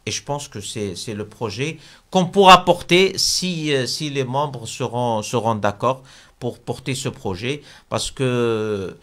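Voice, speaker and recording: A man from Algeria, speaking as a guest in a debate interview. He talks haltingly, with many fillers and restarts. His voice sits at an everyday pitch for a man. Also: a bit bright. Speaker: business leader guest.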